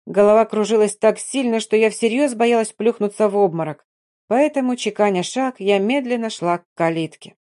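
A woman narrating a first-person audiobook in a calm, even reading voice. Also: medium pitch, moderate pace.

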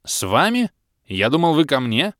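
A man voicing the wry young male hero of an audiobook, shouting quick replies. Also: a little high, big pitch swings, no room sound, studio quality, pitched above the performer's own voice.

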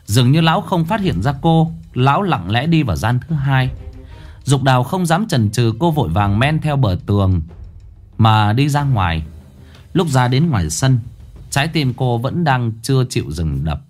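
A man narrating a ghost story in a dramatic, expressive way. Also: medium pitch, moderate pace. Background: faint background music.

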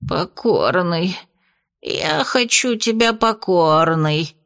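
A woman voicing a cowardly horned male imp with a strained, wheezing voice and drawn-out, pleading words. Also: fairly high pitch, very animated, a bit bright, voice pushed up, full character voice. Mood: desperate.

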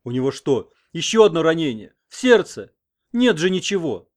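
A man voicing a pompous middle-aged village head who barks orders loudly. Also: on the high side, big pitch swings, normal speed, voice pushed up. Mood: bossy. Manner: bossy, loud.

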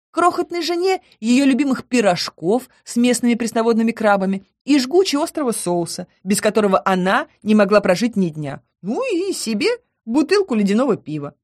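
A woman narrating a first-person novel as an audiobook in a calm, quietly expressive way on a close mic. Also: mid-range voice, dry recording. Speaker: audiobook reader.

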